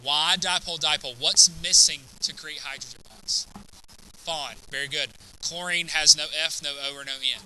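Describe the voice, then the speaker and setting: Bright-voiced male chemistry teacher. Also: on the high side, fairly even intonation, normal speed, a little hiss or hum, rough recording. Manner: quizzes students with frequent "right?" and "okay?". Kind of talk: classroom lecture. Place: classroom.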